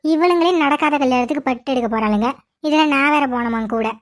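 A performer voicing a scheming, quick-tempered middle-aged mother who scolds and insults in a cartoon. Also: high voice, fairly bright tone, pitched below the performer's own voice. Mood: grumbling. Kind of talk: cartoon voice acting.

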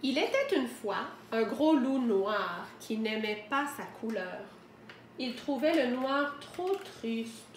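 High-voiced teacher reading aloud. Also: female voice, animated, slow pace, echoey room, a little hiss or hum. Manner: gentle, explains words for children. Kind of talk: reading a picture book aloud. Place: home.

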